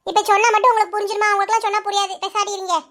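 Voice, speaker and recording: A woman's voice: extremely high pitch, little pitch movement, rapid-fire, fairly bright tone. A woman doing a fretful, dramatic housewife. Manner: fussy, exclaiming. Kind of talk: cartoon voice acting.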